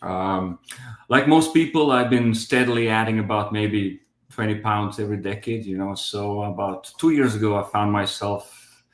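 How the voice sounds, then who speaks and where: A man's voice: fairly low pitch, normal speed, roomy sound. Man in his fifties, hesitant. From Croatia. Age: 50s. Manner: hesitant, many fillers and restarts. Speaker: guest sharing his diet story. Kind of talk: casual testimonial.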